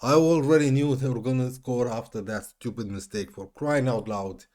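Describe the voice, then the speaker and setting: A man commentating his own football management game, muttering over the action and breaking into exasperated yells. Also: mid-range voice, moderate pace. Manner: exasperated, swings from muttering to yelling. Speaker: gaming YouTuber. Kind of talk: let's play commentary.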